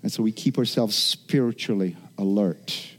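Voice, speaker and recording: A man's voice: lowish voice, moderate pace. A middle-aged man preaching a sermon as pastor, earnest, often restarting and repeating words.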